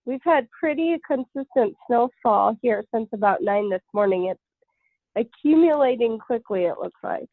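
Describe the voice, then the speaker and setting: A woman with a head cold leads a conference call from home, her voice nasal and a little high. She talks haltingly, with many pauses. The call line is tinny and phone-like, with a dry sound. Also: lively intonation, dry recording. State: congested with a cold. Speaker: call facilitator. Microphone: iPad on a call.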